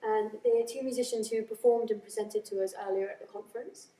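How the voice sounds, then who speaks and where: A woman's voice: fairly high pitch, steady tone, a little fast, warm tone. Upbeat woman interviewer, roomy and distant. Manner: upbeat, frequent encouraging backchannels. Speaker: interviewer, conference steward. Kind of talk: conference interview. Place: busy conference venue.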